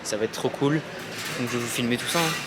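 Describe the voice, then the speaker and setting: A man's voice: medium pitch, quick pace, very noisy. A young man chatting casually and informally in slang as a travel vlogger. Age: young adult. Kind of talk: casual travel vlog chat. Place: mostly outdoors at a seaside city, later inside an apartment.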